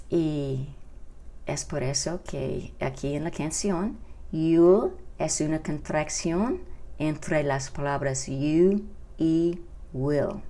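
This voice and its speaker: A woman teaching English to Spanish speakers. She explains slowly and repeats each English example with care. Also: deep voice, dark tone. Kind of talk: Spanish-language English lesson. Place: home during quarantine.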